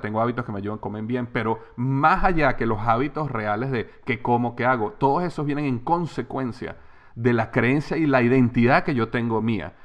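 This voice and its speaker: A man hosting a podcast, talking in an emphatic, repetitive way in a casual interview conversation. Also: medium pitch. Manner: emphatic, repetitive, animated storytelling. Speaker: podcast host.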